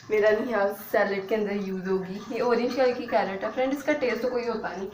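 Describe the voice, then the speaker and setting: A woman's voice: mid-range voice, darkish tone, a little hiss or hum, poor audio. Chatty young woman cooking at home. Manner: chatty, giggly, addresses viewers as friends. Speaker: vlogger. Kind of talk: casual cooking vlog. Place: home kitchen.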